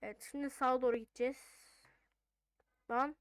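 A female gaming host with a noticeably high, smooth voice. She comments on her game casually, thinking out loud in informal speech. The sound is close and dry. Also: fairly even intonation, a little fast, dry recording.

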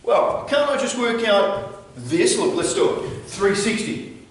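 A male maths teacher with a high, sing-song voice works through a problem slowly at a whiteboard in an indoor classroom, informally checking in with "right?" and "okay?". The camera sits a few metres away, so he sounds distant in a very echoey room.

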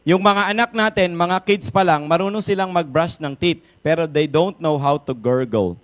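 A man with a Filipino accent giving an energetic, jokey product talk to a live audience, often asking the crowd questions. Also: a little high, moderate pace. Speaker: product seminar speaker. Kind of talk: lively sales pitch to a live audience. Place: event room with a live audience.

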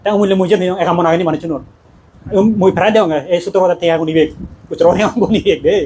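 A man, a Buddhist monk, giving a dhamma talk in a quick, conversational preaching manner with laughs. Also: high-pitched, steady tone, darkish tone, a little hiss or hum.

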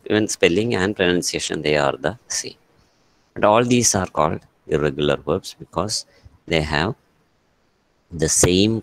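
A man's voice: low voice, gravelly, no echo. A man with a Malayali accent teaching English grammar in an online class, switching between Malayalam and English and calling on students by name.

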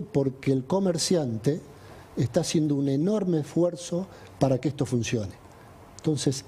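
An Argentine man speaks in emphatic, listing declarations as an interviewee. His voice is dark and somewhat husky. It is heard in a replayed interview clip. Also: mid-range voice. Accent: Argentine Spanish. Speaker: business chamber president in a played interview clip. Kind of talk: interview answers.

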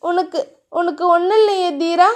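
Woman doing frightened young heroine, high pleading voice, storybook. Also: fairly even intonation, moderate pace.

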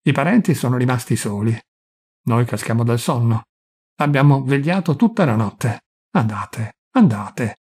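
A man narrating a classic short story as an audiobook, reading in a measured way and giving the characters' lines small shifts of voice. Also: mid-range voice, expressive, a little mellow, husky. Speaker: reader of literary fiction.

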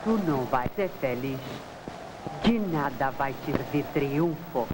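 An actress playing a solemn young fortune-teller with an ominous, portentous manner in a 1950s film melodrama. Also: female voice, very deep voice, lively intonation, slow, heavily acted. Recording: noisy old film soundtrack.

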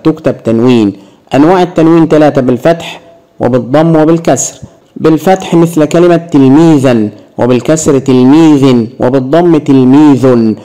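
A man with an Egyptian Arabic accent teaching a grammar lesson to young children, drawing out example words slowly. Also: on the high side, mellow, poor audio. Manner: slow, drawn-out word demonstrations.

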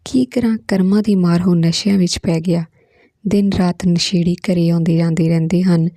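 A woman's voice: on the low side, fairly even intonation, normal speed, warm tone, no echo, clean studio sound. A woman reading the lines of a poor widowed mother who speaks meekly and pleads politely. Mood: humble pleading. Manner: meek, pleading, folded-hands politeness.

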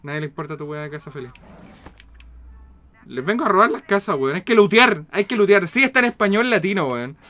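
A man with a Chilean accent giving casual, slangy, foul-mouthed and excitable commentary as he streams a video game. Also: high voice, brisk. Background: game music.

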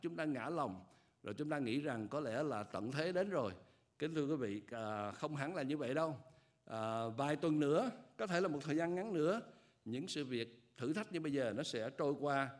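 Earnest older man preaching at a pulpit. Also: mid-range voice. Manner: measured, earnest preaching with frequent hesitation fillers. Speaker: pastor. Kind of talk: sermon. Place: church sanctuary at a pulpit. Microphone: pulpit microphone.

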